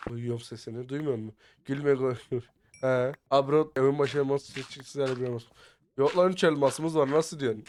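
A man chatting with teammates over voice chat while playing a survival game, slangy and excitable, sometimes muttering quietly and sometimes breaking into shouts. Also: mid-range voice, moderate pace, slight background noise. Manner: excitable, slangy, bursts into shouting when attacked; often mutters quiet asides. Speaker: gaming YouTuber. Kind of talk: casual gameplay chat with teammates.

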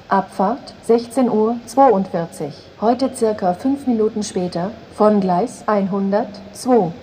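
Female station announcer, flat platform announcement, mellow and measured, faint ambience behind. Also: mid-range voice, a little hiss or hum, rough recording. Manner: flat, measured, segmented delivery.

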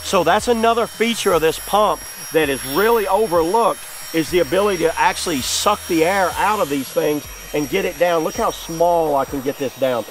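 A man's voice: on the high side, moderate pace, few pauses, slight background noise. Chatty upbeat man demoing gear outdoors. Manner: enthusiastic, chatty, lots of "like" fillers. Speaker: product reviewer. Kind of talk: casual hands-on product demo. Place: outdoors on grass.

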